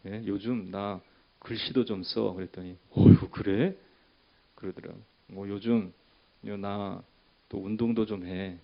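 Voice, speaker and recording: Pastor preaching with rising fervor, dull recording. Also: male voice, on the low side, steady tone, a little slow, vocal fry. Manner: conversational storytelling that builds to loud emphatic declarations. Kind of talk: sermon.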